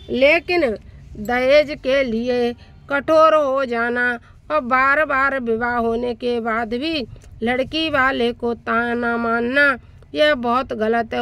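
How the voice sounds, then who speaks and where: A woman's voice: on the high side, a bit bright. A woman reciting devotional verses in song and explaining them in speech. She gives moral advice to families between the verses. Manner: chants verses slowly, then explains in brisk plain speech. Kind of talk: sung scripture recitation with spoken commentary.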